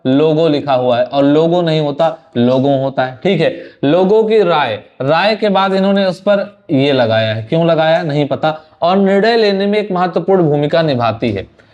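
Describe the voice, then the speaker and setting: A young man with a slightly higher voice runs through a student's exam answers. He speaks Hindi in a loose, conversational way and often repeats a word. English phrases keep turning up in his speech. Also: expressive, normal speed, darkish tone, muffled recording. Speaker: exam prep teacher. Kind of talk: Hindi lesson reviewing an answer sheet.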